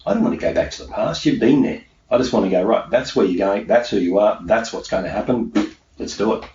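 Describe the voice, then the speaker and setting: Here the interviewee is a middle-aged self-employed mindset coach whose voice is on the low side, expressive, fast and mellow. He talks emphatically and conversationally, hammering points home through repetition and a frequent "okay." The sound is muffled, roomy and distant, with faint noise behind it.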